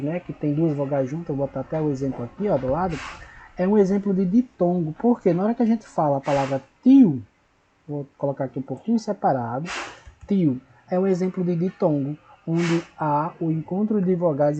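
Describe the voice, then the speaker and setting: A man teaching a recorded lesson, patient and repetitive, slowly spelling out syllables and checking in with his pupils. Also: a little high, warm tone, slight background noise, low-quality recording.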